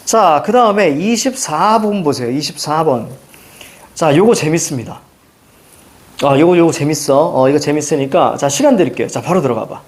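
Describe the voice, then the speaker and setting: A middle-aged man teaching a reading lesson, quizzing students with quick questions and a repeated "now". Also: fairly high pitch, animated. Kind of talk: recorded lecture explaining a reading passage.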